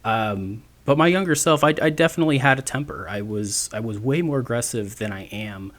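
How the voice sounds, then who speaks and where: A twenty-nine-year-old man hosts a casual solo podcast monologue, his medium-pitched, fairly bright voice moving a little fast. He rambles, pokes fun at himself and restarts often.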